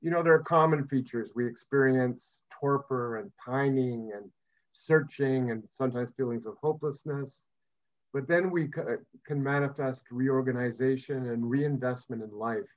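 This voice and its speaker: A middle-aged male psychotherapist speaks at an even middling pitch, working through his ideas aloud. He hesitates and repeats small words as he goes. The call audio is dull and lo-fi. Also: moderate pace. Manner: reflective, often restarting with small fillers. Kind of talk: remote talk to an online audience. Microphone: video call.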